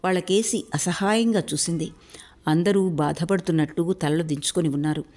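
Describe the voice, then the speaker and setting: Brief: female storyteller, dramatic literary reading, slightly low voice. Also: moderate pace. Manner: expressive, dramatic narration.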